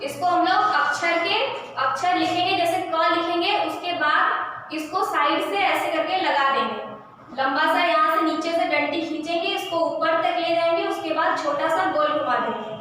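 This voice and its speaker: A woman teaching a lesson to young children, explaining slowly and patiently and drawing out each sound. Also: extremely high pitch, bright, forceful tone, a little hiss or hum. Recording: echoey room recorded from a distance.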